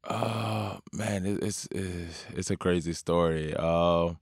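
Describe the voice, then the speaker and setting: A man in his thirties from Sudan, a basketball player, talking in a relaxed, unhurried way with drawn-out fillers in a studio. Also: sits low, no room sound. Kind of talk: casual interview talk. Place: home studio with guitars and keyboards. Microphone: studio mic with headphones.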